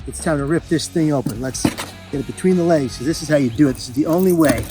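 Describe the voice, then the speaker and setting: Opening a parcel on his vlog, a man chats excitedly and casually in an exuberant, playful, emphatic way. His voice is on the high side and fast, with music playing in the background.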